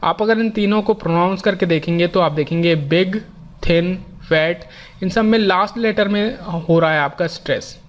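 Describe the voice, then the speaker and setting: A man teaching an exam-prep grammar lesson, explaining step by step and reading out rules slowly. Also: sits high.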